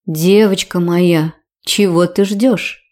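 A woman voicing an older female mentor who is stern but motherly, speaking in a measured, firm way. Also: fairly low pitch, steady tone, darkish tone.

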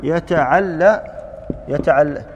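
A man teaching a grammar class, drilling students with quick questions and repeated verb forms. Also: fairly high pitch, in a large hall, dull audio.

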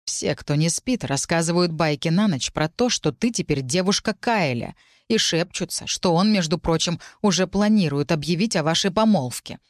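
A hoarse young necromancer speaks in low, strained tones as a woman reads him aloud. He is brooding and tense. The sound is dry and close, with no room around it. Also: animated, moderate pace, dry recording, natural voice. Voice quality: hoarse, low-pitched whisper. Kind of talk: audiobook character reading.

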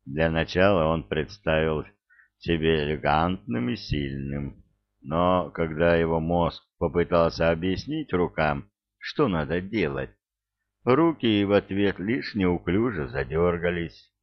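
A man reading a storybook aloud with slow, even delivery and a gravelly voice. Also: low voice, highs cut off. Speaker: audiobook narrator.

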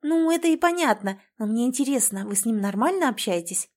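A woman's voice: on the high side, lively intonation, a little fast. A woman voicing a wry, evasive young woman. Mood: curious. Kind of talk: audiobook character voice.

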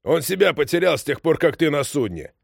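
A man doing a gruff old ship's engineer. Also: fairly high pitch, sing-song, fairly quick, no echo, studio quality, pitched above the performer's own voice, full character voice. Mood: pleading. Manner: scolding, insistent, raised voice.

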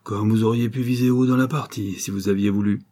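A man voicing a gruff, broad-shouldered male porter, a former wrestler, curt and stubborn, in an audiobook reading. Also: lowish voice, steady tone, brisk, dark tone, natural voice. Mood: apologetic. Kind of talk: audiobook character voice.

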